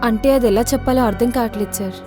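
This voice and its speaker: An actress playing a young newly married wife who answers politely but hesitantly, uneasy underneath. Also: female voice, on the high side, rapid-fire, music in the background, close to an everyday voice. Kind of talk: film dialogue. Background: film score.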